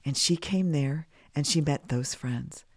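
A woman's voice: low-pitched, measured pace, dry recording, studio quality. A middle-aged woman from the United States hosting a children's podcast in simple scripted narration, her voice slightly scratchy as she gets over a cold. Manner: simple, clearly phrased address to children.

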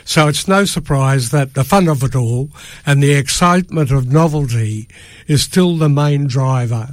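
Speaking at a normal speed with a medium pitch, an older choir member appears as an interview guest in a radio studio. He reads a prepared statement with careful, formal phrasing, picked up by a studio mic with no echo.

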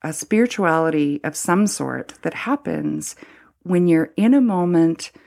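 In what sounds like a thoughtful interview, a middle-aged Canadian woman, a former Anglican priest appearing as a guest, speaks in a low, slightly gravelly, somewhat mellow voice. She is expressive yet reflective and halting, circling back with fillers and restarts as she works through her ideas.

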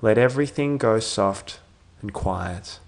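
A man speaks as a sleep story narrator guiding a meditation, in a low voice with a creaky, gravelly edge. He goes very slowly, setting down short, soothing phrases with long pauses. The ends of his phrases soften and sink away gently.

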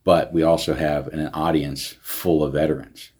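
Super low husky guy, veterans director, talks earnest w lots of restarts, pretty flat. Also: normal speed. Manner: earnest, many restarts and fillers. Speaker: county veterans service director. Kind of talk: casual interview talk.

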